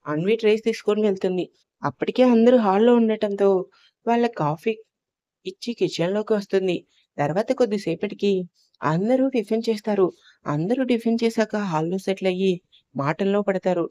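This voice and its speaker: A woman narrating a family audio story in a calm, steady manner. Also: medium pitch, brisk, dry recording.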